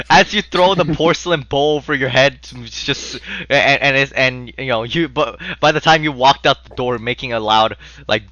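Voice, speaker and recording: Bright-voiced man narrating a tabletop game. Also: mid-range voice, lo-fi sound. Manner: halting, casual, profane. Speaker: game master.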